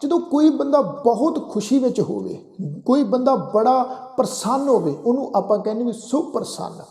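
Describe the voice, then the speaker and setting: A man teaching how to pronounce scripture, explaining words and then reciting verses in a slow chant. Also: very high-pitched, sing-song, dark tone. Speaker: Gurbani teacher. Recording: echoey room with long reverb.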